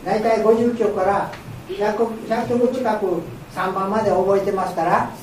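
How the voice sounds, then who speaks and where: A woman's voice: medium pitch, steady tone, measured pace, a crowd in the background. An older woman gives an informal talk to a group, explaining patiently in short phrases. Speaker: guest speaker who is blind, answering questions. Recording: very echoey room, distant mic, faint noise.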